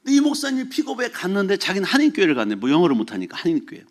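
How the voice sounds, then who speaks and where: A man preaching a Sunday sermon as pastor, telling a story in an animated way and shouting exclamations from it. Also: high voice, very fast. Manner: animated storytelling, mixes formal and casual speech, shouts acted exclamations. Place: church sanctuary.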